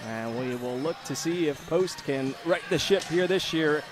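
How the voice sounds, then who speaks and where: Male sports broadcaster, slightly high voice, pregame lineup read over music. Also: a little slow. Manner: steady, informative read of team notes and starting lineups. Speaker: play-by-play broadcaster.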